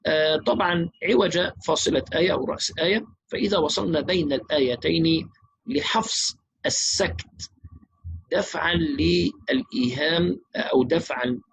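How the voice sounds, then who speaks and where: A man teaching Quran recitation, explaining rules briskly and chanting verses slowly and melodically. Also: fairly high pitch, vocal fry, a bit bright, breathy edge, no echo.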